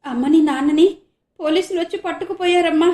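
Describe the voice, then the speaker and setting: A woman voicing a frantic, tearful young college student in an audiobook, pitching her voice high and loud. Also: moderate pace, roomy sound, lightly acted. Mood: frantic crying.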